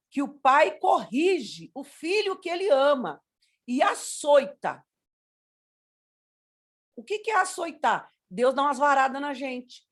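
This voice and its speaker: Middle-aged Brazilian woman pastor, high and lively voice, animated storytelling to parents. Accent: Brazilian Portuguese. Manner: animated storytelling, acts out scolding and prayer.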